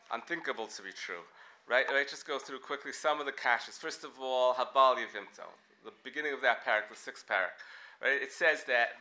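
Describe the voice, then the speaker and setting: Bright-voiced man teaching a Talmud class. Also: mid-range voice. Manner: animated, thinks aloud, with frequent restarts and rhetorical "right?". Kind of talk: casual Talmud class lecture.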